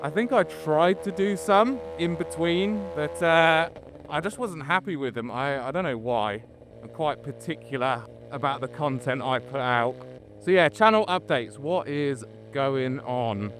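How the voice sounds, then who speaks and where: A British motovlogger rambles casually into his helmet mic while riding outdoors, engine hum and road noise all around. His voice is fairly high and a little slow, and the recording is noisy.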